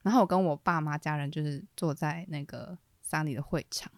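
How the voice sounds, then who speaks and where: Young woman podcast co-host, rapid casual storyteller, dry close sound. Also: low-pitched, no room sound. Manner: animated, laughs often, quick rambling restarts.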